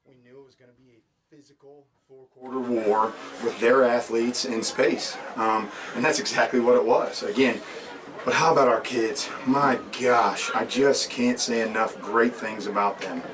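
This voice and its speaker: A man's voice: medium pitch, steady tone, moderate pace. A man, a head football coach, giving a postgame interview, earnest and repetitive with many ums. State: recovering breath after running. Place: outdoors at a stadium after a game. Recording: distant mic with loud crowd.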